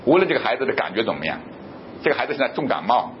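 A man preaching a sermon, asking questions and answering them himself, and reading scripture aloud slowly. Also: mid-range voice, sing-song, muffled recording, a little hiss or hum. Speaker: pastor.

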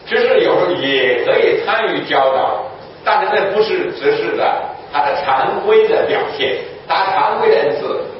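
A man delivers a sermon in a fairly high voice, teaching his listeners through rhetorical questions that he answers himself. He sounds distant from the mic, in a very echoey room. The recording is dull and lo-fi, with a faint hum of room ambience underneath. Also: lively intonation, normal speed. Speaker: preacher.

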